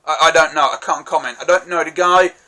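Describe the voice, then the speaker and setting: A man with a high, bright voice talks through a film review in a loose, rambling way. He hesitates often, circles back and restarts his sentences. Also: fairly even intonation, brisk. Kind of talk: casual spoken film review.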